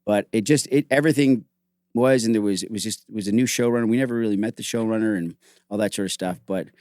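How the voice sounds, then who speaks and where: A middle-aged man hosting a casual podcast conversation, telling animated stories full of "like" and acted-out quotes. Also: on the low side, fast talker, no echo, clean studio sound. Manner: animated storytelling, acts out quotes; heavy use of "like", frequent restarts. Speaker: host.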